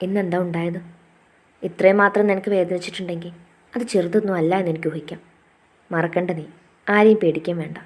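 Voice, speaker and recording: A woman voicing a caring young husband who speaks softly and coaxingly. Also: medium pitch, animated, a little fast, slightly rough. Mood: worried. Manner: soft, coaxing.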